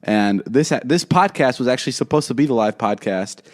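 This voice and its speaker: A young man co-hosting a casual podcast. He jokes and teases, talks quickly and breaks into laughter often. His pitch sits in the ordinary middle for a man. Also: lively intonation. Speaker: podcast co-host.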